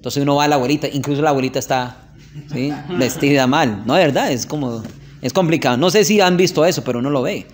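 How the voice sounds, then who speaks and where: Here the religious teacher sounds a touch high and talks fast. His classroom lesson is informal and conversational; he keeps asking "¿ok?" to check on listeners and laughs his way through anecdotes.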